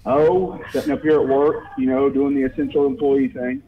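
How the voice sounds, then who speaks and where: A man's voice: mid-range voice, little pitch movement. Man over a tinny phone line. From Oklahoma, US. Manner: hesitant, fills pauses with "uh" and "you know". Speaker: caller. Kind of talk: casual chat.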